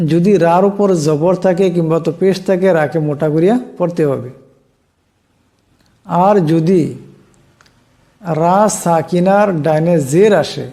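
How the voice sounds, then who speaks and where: A man teaching Quran reading in Bengali, explaining slowly and deliberately, stretching out each example word. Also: fairly high pitch, dark tone. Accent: Bangladeshi Bengali. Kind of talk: Quran recitation lesson.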